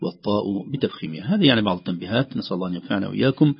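A man's voice: on the low side, lively intonation, rapid-fire, vocal fry, breathy edge. A man teaching Quran recitation on the radio, explaining step by step and drawing out sounds to demonstrate them. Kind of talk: radio tajweed lesson. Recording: dull lo-fi radio audio.

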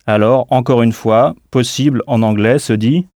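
Male language teacher, scripted audio lesson, careful deliberate delivery, spells words out, dry close sound, mid-pitched voice. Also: a little mellow, no room sound. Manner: models pronunciation slowly and deliberately.

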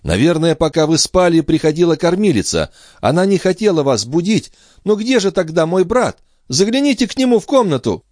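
A man voicing a proud, anguished young noble mother in a storybook, raising his voice high and pleading. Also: very animated, fairly quick, a little mellow, no room sound, studio quality. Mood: anxious. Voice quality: raised pleading voice.

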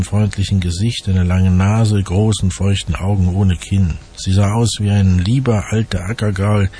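A man narrating a first-person detective story in a dry, measured, wry way. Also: low-pitched, warm tone, slight background noise.

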